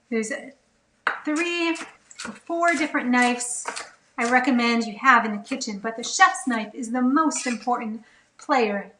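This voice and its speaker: A woman's voice: a little high, roomy sound, background noise. A woman hosting a live cooking class Q&A, chatting with many fillers and reading viewer comments aloud while she chops in her kitchen. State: a little out of breath. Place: home kitchen.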